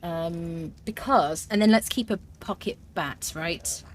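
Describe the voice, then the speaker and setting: A woman with a lowish voice streams a survival game, talking slowly as she plays. She thinks aloud with fillers and answers her viewers' comments. A little hiss or hum is audible.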